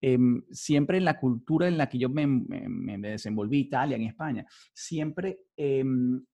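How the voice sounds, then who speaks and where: A man from Venezuela hosting a conversational interview, animated and repeating words as he starts sentences. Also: medium pitch, measured pace, creaky.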